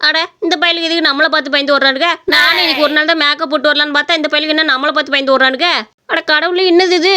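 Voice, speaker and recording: A woman's voice: high-pitched, fairly even intonation, rapid-fire, pushed and bright. A woman voicing a vain woman in heavy makeup in a cartoon story, fussy and boastful. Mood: puzzled. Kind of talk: cartoon voice acting.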